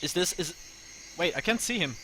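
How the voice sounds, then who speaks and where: A man's voice: sits high, lively intonation, moderate pace. Laughing, swearing man gaming. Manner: swears and laughs often while playing. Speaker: host. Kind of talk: casual gaming chat. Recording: very noisy audio.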